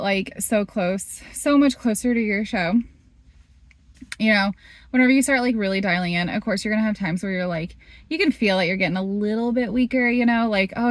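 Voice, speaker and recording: Woman rambling on about her day, lots of likes, mid pitch, super casual vlog vibe. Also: dry recording. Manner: rambling, heavy use of "like". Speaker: fitness vlogger.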